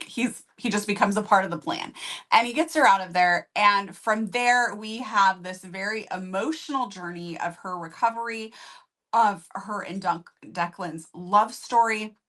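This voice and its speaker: A woman's voice: medium pitch, fairly bright tone. A woman co-hosting a casual book review chat, summing up a plot in a chatty way and laughing easily.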